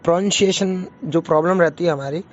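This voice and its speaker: A man with a Marwari-influenced Hindi accent, giving an informal spoken lesson, hesitant with fillers and self-corrections, sounding out vowels slowly. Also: on the high side. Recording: dull lo-fi recording.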